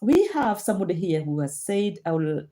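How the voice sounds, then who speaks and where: Very animated and warm, with a lowish voice at normal speed, a Kenyan-accented woman from Kenya leads a casual health livestream and replies to viewer comments. She uses many fillers and restarts, broadcasting via phone or laptop.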